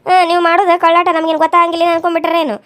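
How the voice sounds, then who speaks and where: Woman doing a furious cartoon mother-in-law, scolds fast. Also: high-pitched, little pitch movement, lightly acted. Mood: angry scolding. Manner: scolding, reproachful. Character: angry older mother-in-law scolding her son-in-law.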